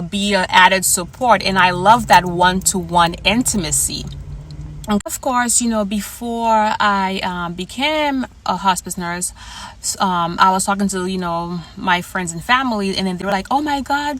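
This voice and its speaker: A woman's voice: mid-range voice, fairly bright tone. A woman speaking casually and earnestly as a nurse on her personal vlog, often checking in with the listener with small tags. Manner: conversational, often checks in with "okay" and "you know". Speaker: hospice nurse and vlogger.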